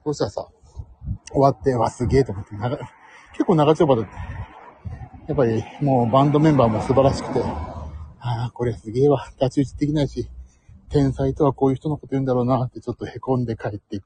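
A man hosting a casual live stream on his phone as he walks home, talking quietly and a little out of breath. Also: mid-range voice, fast talker, a little hiss or hum, rough recording. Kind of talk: casual live-stream chat while walking. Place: outdoors, walking home from the station. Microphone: phone mic.

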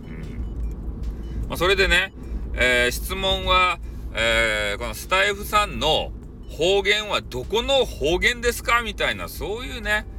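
Here a Hakata-dialect speaker from Fukuoka, Japan runs a solo podcast, joking and chatting casually and sprinkling dialect into polite language. His medium-pitched voice is bright and forceful, with slight background noise.

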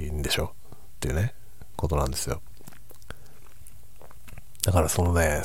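A middle-aged man chatting casually in a hushed, soft voice, musing reflectively as if for late-night listening. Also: no room sound. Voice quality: husky, breathy low voice. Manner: reflective, musing, unhurried soft-spoken delivery. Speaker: host of a late-night chat for falling asleep.

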